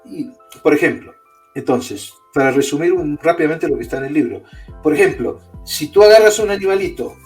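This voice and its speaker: A man's voice: a little high, darkish tone. A man, a guest author in an interview, explaining ideas by asking and answering his own questions.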